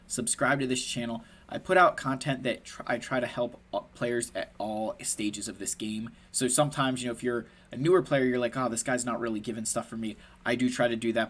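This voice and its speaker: Husky upbeat man explaining a game. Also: medium pitch, fairly bright tone. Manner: upbeat, explains step by step, talks to viewers directly. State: under the weather, a little congested. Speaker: gaming content creator. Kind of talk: casual explanatory game guide.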